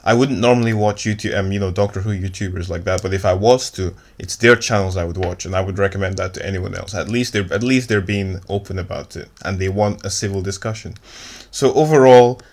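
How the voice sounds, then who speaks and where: A man's voice: low voice, fairly even intonation, fast talker, hardly any pauses. A man giving an opinionated, emphatic response commentary, often stumbling and repeating words. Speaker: YouTube commentator.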